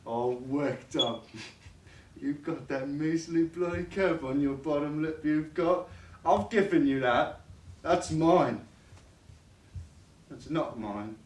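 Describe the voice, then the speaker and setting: A man's voice: a little high, slow, pauses often, darkish tone. A man playing a bitter drunken old father on a college stage, rambling and stammering as he pleads and rails. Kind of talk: stage play acting. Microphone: distant room microphone. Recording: echoey stage recorded from far off.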